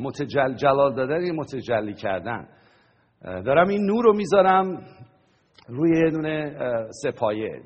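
Husky guy preaching in a church hall, long echo, keeps asking the room stuff. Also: medium pitch, lo-fi sound. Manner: teaching, asks the congregation questions. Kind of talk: sermon.

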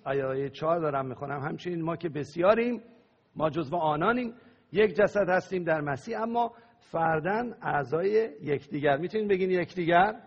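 A pastor preaching a sermon, praying aloud and leading the congregation in call-and-response. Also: male voice, on the high side. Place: church hall. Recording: dull lo-fi sound with long hall reverb.

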